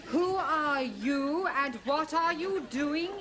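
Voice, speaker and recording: A woman's voice: high voice, takes it slowly, a crowd in the background. A woman playing a bossy, disdainful figure of authority in a sitcom, with an English accent and an imperious manner. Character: haughty, bossy Englishwoman in charge. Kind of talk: sitcom acting. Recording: noisy 1970s television studio soundtrack.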